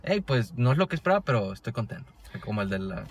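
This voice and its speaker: A man's voice: medium pitch, sing-song, fast. A young man with a northern Mexican accent chatting casually in a jokey, slangy way with plenty of swearing. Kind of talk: casual chat, joking.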